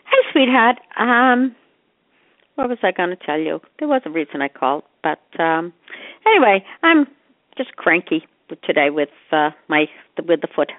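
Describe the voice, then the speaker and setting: A woman's voice: fairly low pitch, big pitch swings, moderate pace, dry recording. An older woman leaving casual, rambling phone messages as a mother to her grown child, conversational and scattered, often trailing into half-finished thoughts. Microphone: telephone. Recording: muffled narrow-band phone voicemail.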